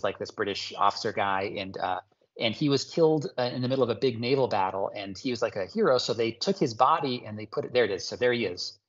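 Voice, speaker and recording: Heard through dull audio, a man from Hawaii with a voice on the low side talks as a guest in a casual interview. The ceramic artist is enthusiastic, rambles, and leans heavily on fillers.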